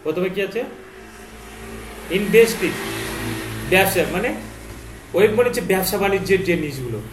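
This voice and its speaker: A man's voice: sits high, expressive, moderate pace. A man tutoring a learner, repeatedly asking questions and correcting pronunciation. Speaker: teacher. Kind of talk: tutoring lesson, quizzing a learner. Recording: echoey room with faint noise.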